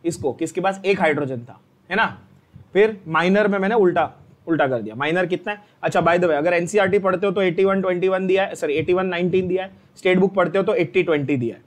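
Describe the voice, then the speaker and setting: A man teaching a chemistry exam-prep lecture, drilling students with repeated questions in an energetic, coaxing way. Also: high-pitched, fast talker.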